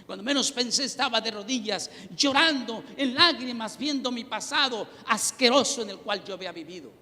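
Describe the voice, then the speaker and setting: A man preaching a sermon and telling his own testimony, impassioned and rising to near-shouts at the peaks. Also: very high-pitched, lively intonation, normal speed. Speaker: pastor. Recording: long reverb of a hall.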